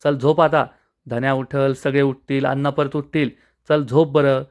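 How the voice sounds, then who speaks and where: A man's voice: mid-range voice, flat delivery, moderate pace, a little mellow, natural voice. A man voicing a bossy, hot-tempered young man who scolds and gives impatient commands. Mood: scolding.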